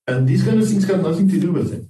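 A man's voice: sits high, animated, fast, warm tone. A man speaking conversationally as a panelist on a talk show. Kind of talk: conversational discussion. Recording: roomy, distant from mic.

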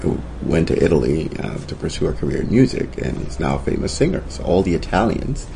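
A man's voice: rumbling low, big pitch swings, brisk, gravelly, background noise. A middle-aged man from Costa Rica, a guest in an interview, telling his life story in a thoughtful way with frequent restarts. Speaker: guest, entrepreneur and author. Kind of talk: reflective interview talk.

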